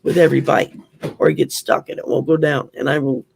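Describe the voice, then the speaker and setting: A man with a US Southern accent chats as a guest in a relaxed, open way, telling stories. His fairly quick voice is growly and heavily gravelly, husky and raspy, and pitched on the higher side for a man.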